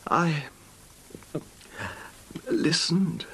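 Here the same kind of noisy old radio drama features an actor as a sick husband who was betrayed, recalling his grievance aloud. The voice is fairly high, a bit bright, and heavily acted, brooding and pained, delivered in a halting, formal, genteel way.

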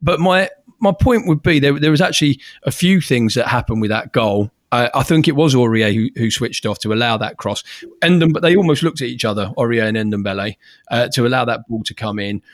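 A man's voice: mid-range voice, expressive, brisk, no echo, clean studio sound. A man on a fan podcast talking football in a casual, thoughtful way, often restarting his sentences. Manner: thoughtful, repeats words when starting. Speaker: podcast co-host.

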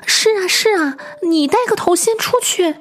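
A woman voicing the little flower sisters in a children's story, pleading in a high, eager voice. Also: normal speed.

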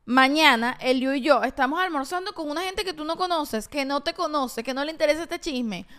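A woman's voice: high voice, fairly quick, a bit bright. A woman co-hosting a podcast, talking in an emphatic, opinionated casual way. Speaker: podcast co-host. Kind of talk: casual chat.

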